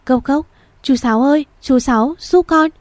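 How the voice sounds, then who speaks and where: A woman's voice: a little high, moderate pace, mellow, no room sound, pitched above the performer's own voice, lightly acted. A woman voicing a desperate young village girl, the grieving granddaughter, who pleads and cries out in a raised voice. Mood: desperate pleading. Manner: pleading, crying out.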